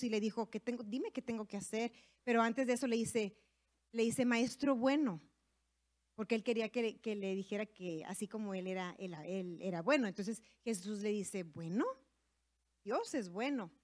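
A woman giving a conversational sermon to women, sprinkling in tag questions and fillers as she talks. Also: a little high. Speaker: women's ministry speaker.

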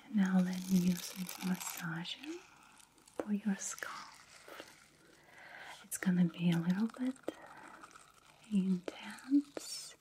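A woman in a whispered ASMR roleplay, talking softly and soothingly to the listener as she pampers them, with phrasing. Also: on the low side, background noise. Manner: soft, slow, soothing attention to the listener.

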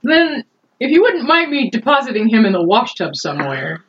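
A woman's voice: on the high side, very animated, moderate pace. A woman playing a tabletop game, chatting casually and jokily in character. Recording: dull lo-fi, faint noise, clicks.

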